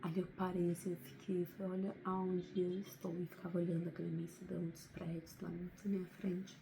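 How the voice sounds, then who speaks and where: A woman's voice: fairly low pitch, level tone, fairly quick, creaky, background noise. A woman with a Brazilian Portuguese accent, talking to camera in an unscripted, heartfelt motivational vlog, often adding little tag questions. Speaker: vlogger.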